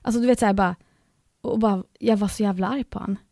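Young woman podcast co-host, gravelly low-end fry, dry close sound, animated. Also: dry recording. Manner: lively, swearing, animated storytelling. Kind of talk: casual chat.

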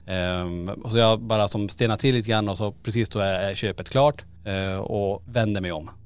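Man, podcast host, low-pitched, casual storytelling, animated, frequent fillers. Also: clear, resonant tone.

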